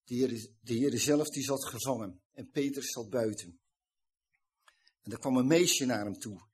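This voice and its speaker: A man with a slightly husky, breathy voice delivers a sermon. He retells a scripture scene in an earnest, explanatory way, at a moderate pitch for a man. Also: measured pace. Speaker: preacher.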